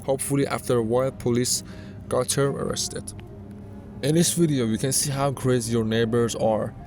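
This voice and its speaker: A man's voice: medium pitch, steady tone, moderate pace. A man reading scripted narration for a countdown video. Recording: music under the voice. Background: background music.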